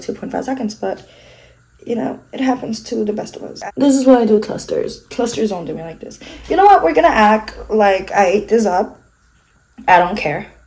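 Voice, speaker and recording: A young woman vlogger, congested and sniffling, films a casual get-ready-with-me makeup video at home, rambling, joking about herself and swearing casually. Her mid-range voice has a darkish tone, and the recording is rough.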